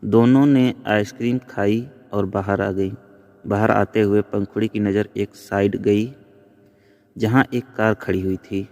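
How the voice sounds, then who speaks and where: A man narrating a scripted story in a measured, plain storytelling manner. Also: fairly low pitch, fairly even intonation, darkish tone. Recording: long reverb.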